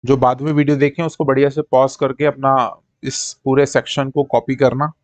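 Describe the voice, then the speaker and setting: A man teaching a live-streamed maths lesson, drilling fractions and percentages in quick call-and-response and checking that his students follow. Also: mid-range voice, little pitch movement, darkish tone, dry recording. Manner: coaxing, repeats "ठीक है" to check students follow.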